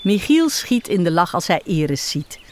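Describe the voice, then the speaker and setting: A woman reading a children's story aloud in an expressive way. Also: lowish voice, moderate pace.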